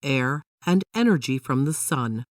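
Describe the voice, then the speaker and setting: With a bass voice, a woman voices a patient father in a children's storybook, explaining things to his young daughter in an instructive way. Her delivery is expressive and unhurried. The recording is dry and studio quality, picked up on a distant mic.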